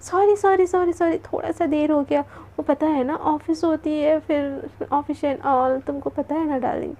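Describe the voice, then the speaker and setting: A woman's voice: high voice, steady tone, measured pace, dark tone. A woman voicing an apologetic young man, a boyfriend who sweet-talks his partner.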